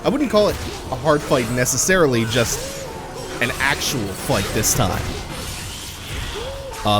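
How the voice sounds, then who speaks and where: A man giving casual, laid-back gameplay commentary, explaining things as he plays. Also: mid-range voice. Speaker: let's play commentator.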